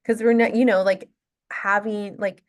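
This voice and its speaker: A woman's voice: medium pitch, level tone, moderate pace. A woman in her thirties, a guest in a casual interview, talking openly and reflectively with lots of fillers.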